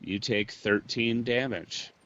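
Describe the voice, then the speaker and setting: A man running a tabletop game as dungeon master, unhurried and halting with fillers as he narrates. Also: medium pitch, fairly even intonation, fairly bright tone, a little hiss or hum. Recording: muffled lo-fi mic.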